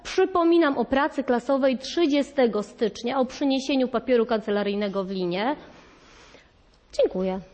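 A woman teacher with a high voice runs a classroom lesson. She talks straight to her pupils and sets them tasks. Her voice rings out with a long echo in the room. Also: moderate pace, darkish tone. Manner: instructive, addressing pupils directly. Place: school classroom.

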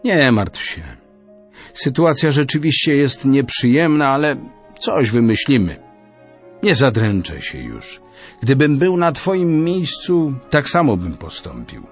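A warm-hearted father comforting his son, speaking gently and steadily in close to the reader's own voice, as a male narrator plays him. Faint music runs beneath the storybook reading. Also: fairly high pitch, very animated, normal speed, hardly any pauses, voice pushed up. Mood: soothing. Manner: soothing. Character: calm, caring father.

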